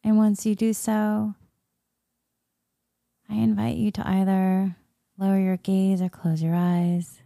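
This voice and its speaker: Female meditation leader; soothing half-whispered murmur, very dark mellow tone, dry close sound. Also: medium pitch, level tone, slow, long pauses, dry recording. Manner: soft, breathy, soothing spa-like murmur, often slipping into whisper. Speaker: guided meditation leader, Reiki healer. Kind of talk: soft guided meditation.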